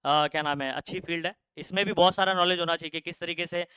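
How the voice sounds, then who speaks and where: A man's voice: fairly high pitch, steady tone, quick pace, pushed and bright, smooth, dry recording. A young male teacher gives a casual classroom talk on career options, often checking that students follow. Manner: conversational, asks the class frequent check questions; casual, with frequent fillers. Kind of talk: classroom career guidance lecture.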